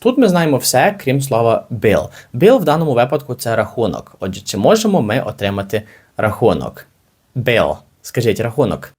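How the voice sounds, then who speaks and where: A man teaching an English lesson, explaining phrases slowly and repeating them carefully for learners. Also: fairly low pitch, darkish tone, slightly rough.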